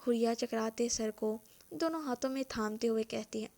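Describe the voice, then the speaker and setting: A woman reading a novel aloud and narrating in a steady storytelling manner as the channel's host. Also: a little high, vocal fry.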